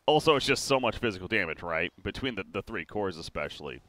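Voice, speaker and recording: A man casting a live competitive video game match, calling the plays quickly and getting excited at the big moments, with frequent fillers and restarts. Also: low voice. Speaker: esports caster.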